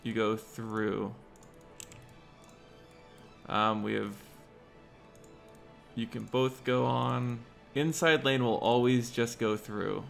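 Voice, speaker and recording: A man's voice: mid-range voice, steady tone, takes it slowly, gravelly, long pauses, fairly bright tone, soft background music. A man streaming a city-building game, talking to himself and his chat as he lays out roads in casual commentary. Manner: muttering to himself while planning, talking to chat. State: hiccups. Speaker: livestreamer.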